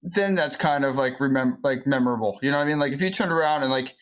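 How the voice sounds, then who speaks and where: A man co-hosting a podcast, sleepy and yawning, answering in quick casual agreement. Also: medium pitch, a bit bright, rough recording. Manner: quick, agreeable, short backchannels. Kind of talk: casual chat.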